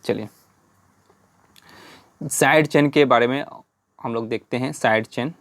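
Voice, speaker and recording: A man's voice: medium pitch, a little slow, a bit bright, no echo. Guy teaching a class, patient, keeps saying "right? okay?", mid voice, dry close sound. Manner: patient, repeats "है ना" and "ठीक है" often; spells out letters and drills lists step by step. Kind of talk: whiteboard lesson.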